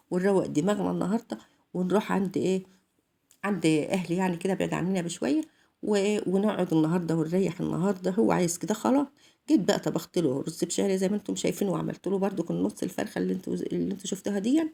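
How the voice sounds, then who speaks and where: A woman with an Egyptian accent vlogging casually while she cooks, rambling and halting with many restarts. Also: fairly low pitch, vocal fry, warm tone. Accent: Egyptian Arabic. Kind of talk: casual vlog chat while cooking.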